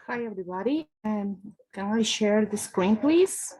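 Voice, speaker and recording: A woman's voice: medium pitch, expressive, a little slow, mellow, breathy edge, rough recording. A woman from Ecuador speaking on a video call as a conference presenter, hesitant and polite, with many fillers.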